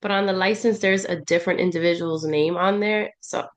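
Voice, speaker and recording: A woman's voice: on the low side, steady tone, a little fast. A woman on a video call asking the coach a hesitant, puzzled question.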